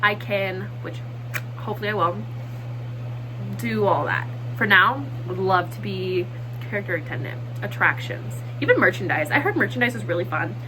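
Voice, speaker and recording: A young woman vlogging in a casual, excitable way, chatting quickly and nervously with frequent laughs. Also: medium pitch, noisy background. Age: young adult. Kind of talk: casual vlog chat.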